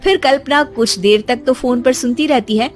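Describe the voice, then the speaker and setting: A woman narrating a moral cartoon story in an even storytelling tone. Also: sits high, normal speed, soft background music.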